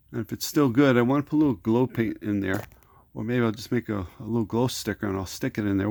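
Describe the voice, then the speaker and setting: A man's voice: mid-range voice, vocal fry, a little mellow, no room sound, studio quality. A middle-aged man casually reviewing action figures, rambling and nostalgic, often repeating words and restarting sentences. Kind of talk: casual toy review vlog.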